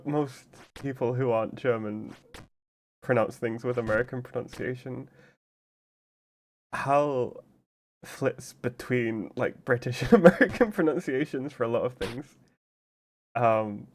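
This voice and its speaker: A man streaming a game, chatting casually and explaining at length in a rambling way, full of "like" and restarts. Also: medium pitch. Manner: rambling, explanatory, heavy use of "like". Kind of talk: casual chat while playing a game.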